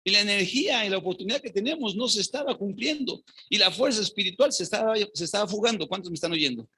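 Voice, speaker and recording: A man's voice: high-pitched, animated, fast, pushed and bright, slight background noise. A man with a Mexican accent preaching a sermon as pastor, fervent and often asking the congregation rhetorical questions.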